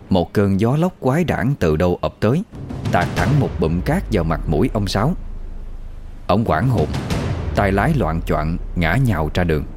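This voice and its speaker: A man with a Southern Vietnamese accent narrates a ghost story in a very low, deep voice. His telling is colloquial and vivid. Quiet guitar music plays faintly behind him.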